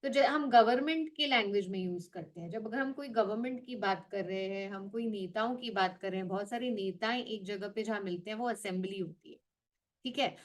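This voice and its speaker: A woman with an Indian accent, teaching English vocabulary to her channel's viewers in an animated way, switching between Hindi and English. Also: medium pitch, a little fast. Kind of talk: explaining vocabulary to the camera.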